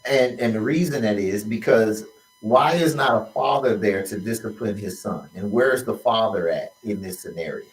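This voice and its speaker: A man with a fairly low voice lays out his views in a slow, deliberate, lecturing manner as host of a conversational show. He sits a little back from the mic, so his voice sounds slightly distant. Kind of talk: conversational commentary.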